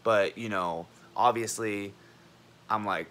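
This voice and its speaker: A man's voice: lowish voice, slow. A young man, a college student and army veteran, ranting bluntly and profanely in a heated vlog monologue. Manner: animated, acts out others' lines.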